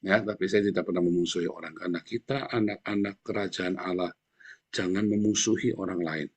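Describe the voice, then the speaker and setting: A middle-aged male pastor preaching a sermon in a blunt, combative way, with lively swings in his delivery. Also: mid-range voice, slightly rough.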